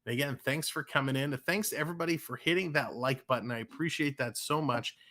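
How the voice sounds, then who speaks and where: A fast talker with a mid-range, pushed and bright voice, this man hosts a livestream. He has a Canadian accent from the Toronto area and offers casual play-by-play while chatting with his audience, reading chat aloud and laughing easily.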